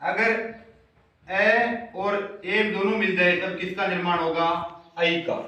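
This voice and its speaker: Male teacher, call-and-response lesson style, bright tone, distant echoey classroom recording. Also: high-pitched, fairly even intonation, slow. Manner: call-and-response questioning, repeats answers. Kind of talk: classroom Hindi grammar lesson. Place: classroom with students. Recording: very echoey room, voice far from mic.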